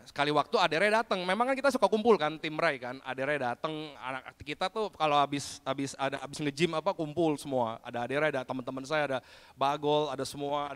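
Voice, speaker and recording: A man preaching a testimony sermon, telling his story in a lively storytelling way and often addressing listeners directly. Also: sits high, clear, resonant tone. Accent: Indonesian. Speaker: pastor. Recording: long hall reverb.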